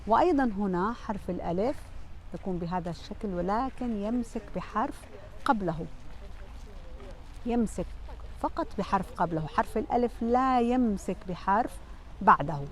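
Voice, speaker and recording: A woman's voice: mid-range voice, lively intonation. Patient woman teaching children a lesson. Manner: slow, patient, repeats each word several times; addresses pupils, pointing things out. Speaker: Arabic teacher.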